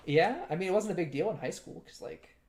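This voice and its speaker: A young man co-hosting a podcast, chatting in a halting, easygoing way. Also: sits high, expressive, a crowd in the background. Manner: easygoing, halting, laughs often. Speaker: podcast co-host. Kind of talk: casual chat.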